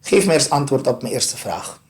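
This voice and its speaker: A man voicing a stubborn drunk man sinking in a pit, speaking quietly and insistently in a parable. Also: mid-range voice, big pitch swings, normal speed.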